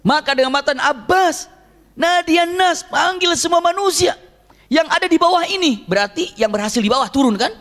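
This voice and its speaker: A male Islamic preacher, telling a story in a religious lecture, animated and asking his listeners questions. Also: very high voice, moderate pace. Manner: animated, acts out shouted quotes, asks the audience questions.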